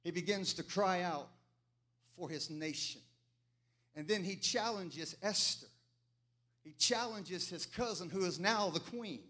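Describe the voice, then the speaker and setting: A male pastor preaching a sermon, rising into chanted, fervent waves and dropping to quieter stretches. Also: high voice, measured pace, pauses often. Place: church sanctuary.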